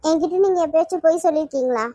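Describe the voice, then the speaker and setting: A woman's voice: very high-pitched, racing, warm tone, no echo, studio quality. A woman voicing a hurt, suspicious young woman who insistently questions her lover in a cartoon. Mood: accusing. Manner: accusing, insistent. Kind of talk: cartoon voice acting.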